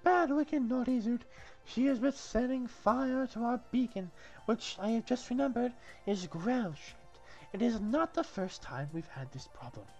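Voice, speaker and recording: A woman's voice: fairly high pitch, lively intonation, unhurried, warm tone, lo-fi sound, faint music behind. Woman playing a gushing, flirtatious castle maiden, Zoot. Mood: scolding. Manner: theatrical, gushing, insistent. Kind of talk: comic script read-through.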